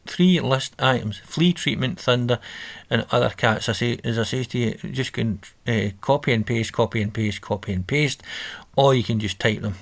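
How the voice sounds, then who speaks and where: Gravelly man talking through code. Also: medium pitch, moderate pace. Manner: thinking aloud, self-correcting, reading instructions. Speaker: coding tutor. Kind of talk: screen-recorded coding walkthrough. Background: keyboard typing.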